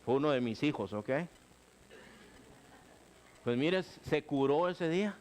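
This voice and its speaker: A middle-aged male pastor, preaching a sermon with lively, conversational asides. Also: fairly high pitch, slow pace, slight background noise. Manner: animated preaching, keeps saying "hermano", acts out quoted voices.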